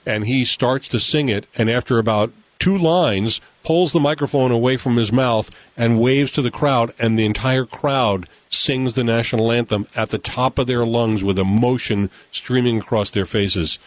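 An American man hosting a radio show, telling stories and running a game in an animated, conversational way. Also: mid-range voice, moderate pace, hardly any pauses, dry recording. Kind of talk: broadcast talk, storytelling and game hosting. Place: radio studio. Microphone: close studio mic.

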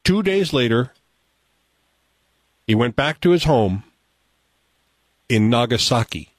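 An American man hosting a radio show, telling stories and running a game in an animated, conversational way. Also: mid-range voice, takes it slowly, no echo. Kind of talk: broadcast talk, storytelling and game hosting. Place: radio studio. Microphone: close studio mic.

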